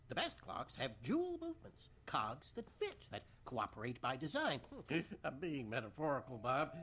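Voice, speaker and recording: A man's voice: high voice, a bit bright, slight background noise, heavily acted. A man playing a pompous, tyrannical little cartoon boss in cold fury, clipped and condescending.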